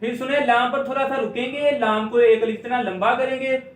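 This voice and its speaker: Man, recitation teacher, very high-pitched, patient question-and-answer lesson, slow drawn-out demonstrations, echoey room. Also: fairly even intonation. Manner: asks and answers his own questions, stretches words to demonstrate.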